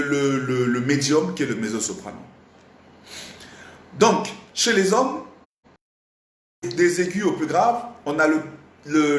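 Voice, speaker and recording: A slightly hoarse man teaching a live online singing lesson, animated and repetitive, often stopping to quiz his audience. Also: on the high side. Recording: roomy echo, faint background noise.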